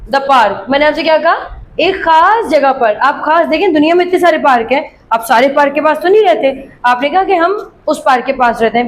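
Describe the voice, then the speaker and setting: A woman with a high voice goes through an English grammar worksheet, carefully and slowly reading example sentences, then rushing through the explanations. She frequently fields her own questions to the students. The recording is rough, carrying a faint hiss or hum.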